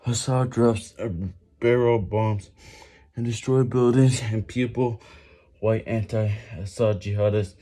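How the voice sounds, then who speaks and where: A man reading a book aloud while doing push-ups, halting and stumbling over words with some physical strain. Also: on the low side, fairly even intonation, mellow. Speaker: reader making a daily reading-while-exercising video.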